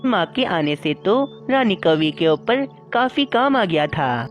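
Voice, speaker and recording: A woman narrating a cartoon story in a lively storybook manner. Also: lowish voice, a little slow, dull audio, soft background music.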